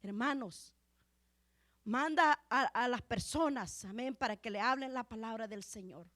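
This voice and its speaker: A woman preaching a fervent sermon in church. She calls out "hermanos" and "aleluya" again and again and rises to shouts on the key points. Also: a little high, no echo, clean studio sound. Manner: fervent, drawn-out delivery, peppered with "hermanos" and "aleluya".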